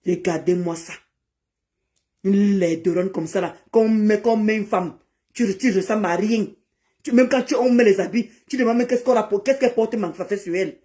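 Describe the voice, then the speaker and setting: A woman on a live stream, confrontationally scolding and insulting someone, swinging between shouting and low muttering. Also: moderate pace. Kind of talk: heated live-stream rant.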